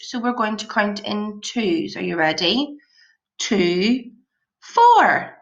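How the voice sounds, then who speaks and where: A woman teacher presenting a children's lesson like a kids show host, encouraging and full of praise, asking questions and pausing for answers. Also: on the high side, a bit bright, dull audio. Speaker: primary school maths teacher.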